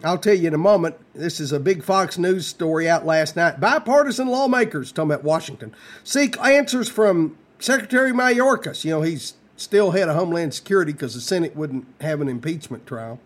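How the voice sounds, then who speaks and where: A man hosting talk radio in a fairly high voice. He chats in a folksy way and turns scornful, and his pitch shoots up when he mocks. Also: expressive, a little fast. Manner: folksy, scornful, rises sharply when mocking. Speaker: radio talk show host. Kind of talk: conservative talk radio commentary.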